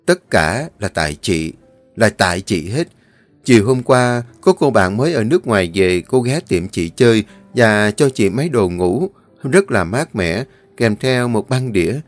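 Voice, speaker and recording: A man voicing a worried, guilt-ridden middle-aged mother, speaking low and hushed. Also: animated, moderate pace, hardly any pauses, no room sound, lightly acted. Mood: guilty. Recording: dry close voice, faint music.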